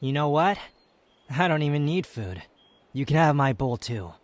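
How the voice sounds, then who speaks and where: In a scripted ASMR roleplay addressed to the listener, a man plays a proud, prickly young wanderer who hides his affection behind curt, scornful, haughty replies. His slightly high voice swings widely in pitch at a moderate pace, sounding defensive and flustered, with no echo.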